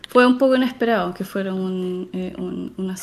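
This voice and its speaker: Relaxed Chilean woman co-host. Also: mid-range voice, moderate pace, vocal fry. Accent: Chilean Spanish. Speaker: podcast co-host. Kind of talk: casual podcast chat.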